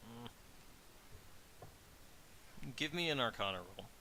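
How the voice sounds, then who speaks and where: A man narrating as dungeon master in a tabletop game, talking in a relaxed, rambling way with many fillers. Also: mid-range voice, takes it slowly, low-quality recording. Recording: faint hiss.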